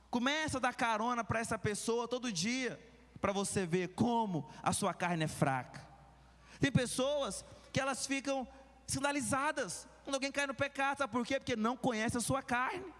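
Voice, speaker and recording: High-voiced Brazilian pastor preaching in a hall. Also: male voice, fairly bright tone. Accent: Brazilian Portuguese. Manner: preaching with sudden swings between quick asides and slow emphasis. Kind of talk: sermon. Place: large church hall. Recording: long reverb of a church hall.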